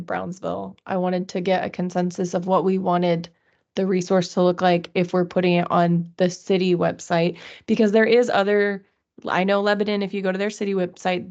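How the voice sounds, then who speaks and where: Woman, committee member, casual and quick, slight vocal fry, muffled meeting-room audio. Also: fairly low pitch. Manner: chatty, quick, self-deprecating. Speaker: committee member presenting a resource list. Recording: dull lo-fi meeting recording.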